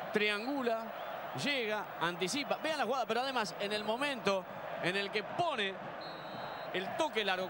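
High-voiced male football analyst. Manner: emphatic, short clipped phrases with repetition. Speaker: football colour commentator. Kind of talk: live match analysis. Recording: loud stadium noise behind the voice. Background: football stadium ambience.

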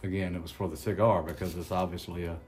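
A man with a Southern accent, hosting a casual unboxing chat in an unhurried, halting way with many ums and restarts. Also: low voice, fairly even intonation, music in the background. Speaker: cigar channel host.

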